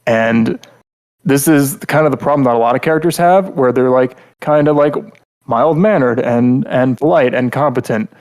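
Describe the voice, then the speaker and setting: A male podcast co-host delivers casual, opinionated critique in an average-pitched, slightly mellow voice at a moderate pace. He's blunt, rambling and full of filler, circling back to restate his points.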